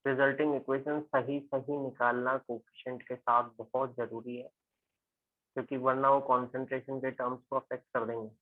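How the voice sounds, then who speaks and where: A man's voice: mid-range voice, no echo. A man from India teaching chemistry, working a problem step by step, often checking whether students follow. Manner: steady teacher tone, asking students quick check questions. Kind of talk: explaining a physical chemistry problem in a recorded lecture. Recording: tinny, phone-like, dry sound.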